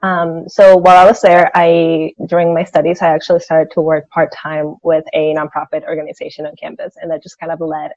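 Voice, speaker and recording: A Venezuelan woman in her thirties, a senior financial analyst appearing as an interview guest, answers questions in a conversational, informal way, often peppering her sentences with "like". Her low voice moves little in pitch, comes fairly quickly with few pauses, and has a darkish tone. The recording is lo-fi with no echo.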